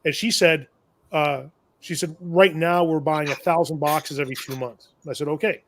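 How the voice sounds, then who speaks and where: This man's voice sits fairly high, steady, at an ordinary speed. He's a shop owner and tool seller telling a lengthy business story on a live show in a loose, rambling way, often backtracking to correct himself and chuckling at his own trouble.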